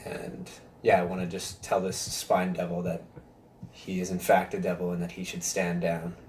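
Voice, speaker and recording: A man playing a tabletop game, talking in a halting, hesitant way. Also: low-pitched, completely flat delivery, darkish tone, slight background noise. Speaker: player. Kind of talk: casual tabletop play.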